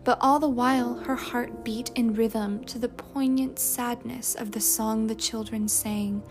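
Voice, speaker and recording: Audiobook narrator: woman, high voice, very unhurried, faint music underneath. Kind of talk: scripted narration.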